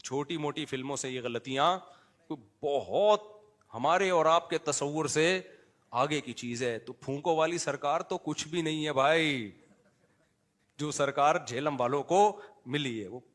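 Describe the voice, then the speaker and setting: A middle-aged man preaching an informal sermon, talking in a conversational way that moves between quiet asides and emphatic teaching. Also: a little high. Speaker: Islamic preacher. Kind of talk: informal sermon with live audience address.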